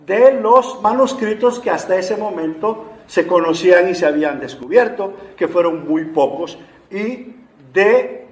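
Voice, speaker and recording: Male lecturer, fairly high voice, patient explanatory delivery, echoey room. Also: animated. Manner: unhurried, explanatory, with frequent "eh" fillers. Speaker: Bible translation lecturer. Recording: roomy echo.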